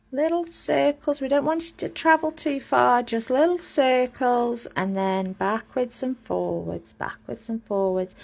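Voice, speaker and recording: A woman gives a casual live drawing lesson, talking through each step as she draws in a chatty, self-mocking manner. Her voice sits high and is creaky.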